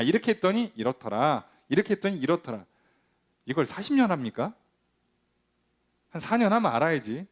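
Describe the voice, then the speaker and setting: A male pastor teaching scripture in a fairly high, very animated voice that swoops up and down. He keeps checking that his class understands with quick rhetorical questions. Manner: acts out quoted speech in dramatized voices. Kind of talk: Bible study teaching.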